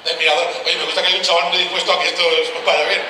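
Brash, fast-talking comedian on stage. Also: male voice, high voice, level tone, background noise. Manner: brash, teasing, swears freely, quick banter with the audience. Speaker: stand-up comedian. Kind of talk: live stand-up with crowd work. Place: outdoor town festival stage. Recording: echoey live stage sound from a distance.

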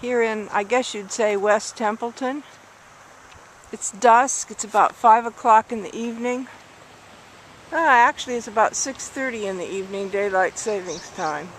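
Woman, high voice, casual walking narration, thinking aloud, handheld camera mic, outdoors, faint background noise. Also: moderate pace. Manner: chatty, thinking aloud, self-correcting. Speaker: hiker filming a walk. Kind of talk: casual narrated walk video. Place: outdoors on a rural road at dusk. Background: distant highway traffic.

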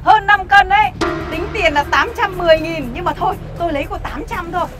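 A crafty chicken seller, very high voice. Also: female voice, over music. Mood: pushy. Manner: fast-talking sales patter, cheeky. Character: crafty chatty female market chicken seller. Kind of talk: sitcom acting.

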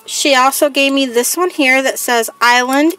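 Chatty woman with a higher voice. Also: normal speed, sharp tone. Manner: chatty, reads each item aloud in a plain listing way. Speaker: crafting vlogger. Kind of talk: casual haul show-and-tell.

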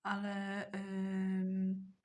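A woman talking casually in a mukbang while eating, hesitant and often pausing mid-sentence to think. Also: mid-range voice, monotone, a little mellow. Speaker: mukbang vlogger.

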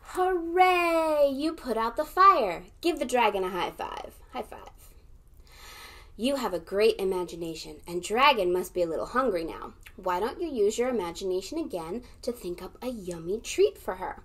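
A young woman as a children's librarian leading a storytime read-aloud. She is animated, gasps for effect and keeps inviting the listener to join in. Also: medium pitch, moderate pace.

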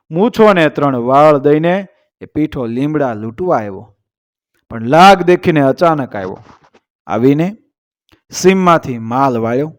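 A man narrating an old folk tale, reading the characters' lines dramatically. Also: mid-range voice. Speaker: storyteller.

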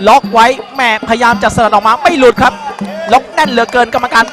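High-pitched man calling a live fight. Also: steady tone, fast. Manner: exclaims often, narrates blow by blow. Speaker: sports commentator at a Muay Thai broadcast. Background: music.

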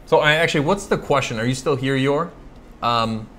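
A man from California hosting a casual live coding stream, chatting and thinking aloud, reading code out slowly with lots of fillers and self-corrections. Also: medium pitch, a bit bright, slight background noise. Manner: reads code aloud slowly while typing. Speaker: livestream host answering coding questions.

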